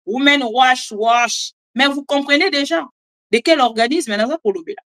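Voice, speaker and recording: A Congolese woman delivers lively political commentary in a high, bright voice. She talks casually to her audience and drops in joking asides. Her voice sits well above the usual range and has a sharp, ringing edge. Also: moderate pace. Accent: Congolese French. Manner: animated, chatty, joking asides to viewers. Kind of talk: casual live commentary, French mixed with Lingala.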